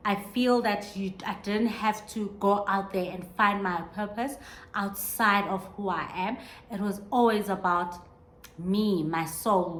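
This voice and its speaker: In a reflective solo podcast monologue, a woman in her thirties talks earnestly, restarting often as she hunts for the right words. Her voice sits at medium pitch, and a little hiss or hum can be heard.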